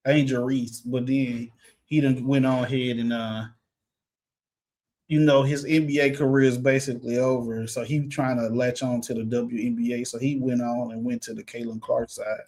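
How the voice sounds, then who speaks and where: A man's voice: mid-range voice, little pitch movement, moderate pace, a little mellow. A man hosting a sports reaction show, talking loosely and casually with frequent fillers.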